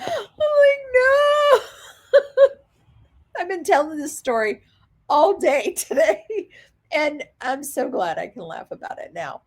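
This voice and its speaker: A woman vlogger casually retelling a dramatic story, animated, with frequent laughter. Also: high voice, unhurried. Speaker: reseller vlogger.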